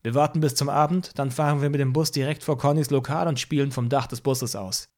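A blunt, defiant young musician who talks plainly and matter-of-factly, as a male audiobook reader puts him on. The voice stays close to the reader's own mid-pitched tone. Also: steady tone, a little fast, a little mellow, lightly acted. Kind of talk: audiobook character voice.

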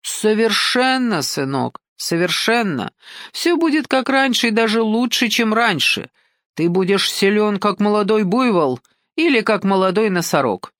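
A woman's voice: medium pitch, very animated, a bit bright, dry recording, clean studio sound, voice pushed up. A woman voicing a sly, patronizing older man. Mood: coaxing, sly. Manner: slow, coaxing, patronizing, keeps saying "son".

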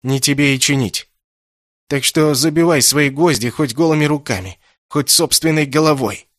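A man's voice: medium pitch, expressive, a little fast, a bit bright, no room sound, clean studio sound. A man voicing a stubborn, mocking young male captive in an audiobook, answering with insolent defiance. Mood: defiant. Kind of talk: audiobook character reading.

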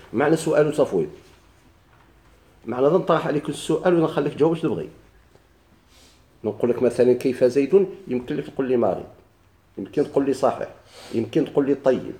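A man with a Moroccan Arabic accent teaches a grammar class at a quick clip. He keeps firing questions at his students and answering them himself. His voice is mellow and a little dark, and it carries an echo from the room. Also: medium pitch. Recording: echoey room.

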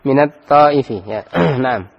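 At a slow pace and medium pitch, an Islamic teacher with an Indonesian Javanese accent conducts an Arabic grammar class, asking students questions and having them read aloud. The audio sounds dull.

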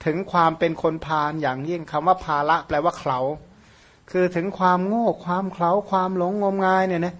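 Man, Buddhist monk, native Khmer speaker, higher pitch, casual Dhamma talk, gentle and conversational. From Surin, northeastern Thailand.

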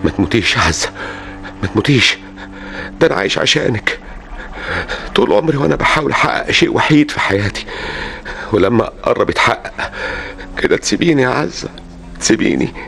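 A man's voice: medium pitch, expressive, fast talker, gravelly, pauses often, fairly bright tone, a little hiss or hum. An actor with an Egyptian Arabic accent playing a desperate man drowning and crying out for the woman he lost, in a radio play. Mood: grieving. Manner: frantic, anguished, pleading.

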